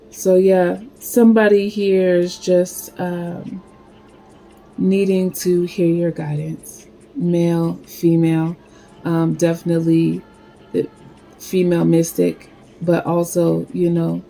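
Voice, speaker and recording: Slow, gravelly-voiced woman reading cards. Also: lowish voice, dark tone, low-quality recording. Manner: slow, meandering, full of fillers. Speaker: spiritual reader. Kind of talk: casual spiritual card reading.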